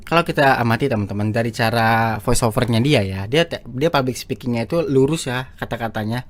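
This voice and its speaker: A YouTube public-speaking teacher gives a casual screen-share lesson on speaking for short videos. His medium-pitched voice is brisk, and he's chatty, repeating himself with many fillers and restarts.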